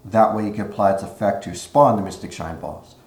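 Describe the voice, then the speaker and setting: Male YouTuber, lowish voice, relaxed explainer with "uh" fillers; low-quality echoey room audio. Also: a little fast. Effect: low-quality audio without his usual mic. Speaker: card game YouTuber. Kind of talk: casual deck walkthrough. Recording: echoey room on a makeshift mic.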